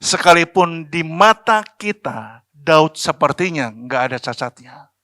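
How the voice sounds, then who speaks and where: A man's voice: on the high side, expressive, measured pace, bright, forceful tone, no echo, studio quality. A man preaching a sermon as pastor, talking in a chatty, slangy way and asking the congregation questions. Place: church.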